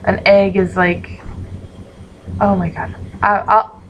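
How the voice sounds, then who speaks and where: A woman's voice: medium pitch, flat delivery, slow, highs cut off, a little hiss or hum. A young woman vlogging in a casual, rambling way, full of ums and likes, sounding sleepy. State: sleepy, yawning. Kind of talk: casual chat to camera.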